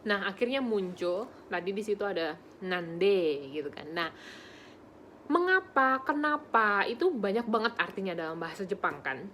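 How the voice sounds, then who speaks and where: A young woman giving a casual language lesson, explaining pronunciation in a chatty way, often laughing and slowing down to demonstrate words. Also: lowish voice, slight background noise. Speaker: Japanese conversation teacher.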